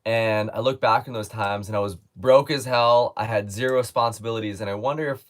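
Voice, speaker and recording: A man with a lowish voice answers viewer questions in a relaxed live chat. He speaks easygoing and reflective, sometimes restarting a phrase as he thinks. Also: fairly quick. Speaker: host.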